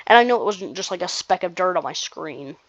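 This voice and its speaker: Casual gameplay commentator, rambles and restarts a lot, very lively delivery, dry close lo-fi recording. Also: mid-range voice, fairly quick, dry recording. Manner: rambling, restarts sentences, nervous laughs.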